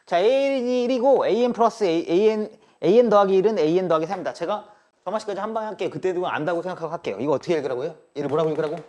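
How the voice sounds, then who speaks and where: A male math teacher giving a live classroom lecture. He keeps asking students quick questions and drills them with check-ins, mixing polite and casual speech. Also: high-pitched, darkish tone.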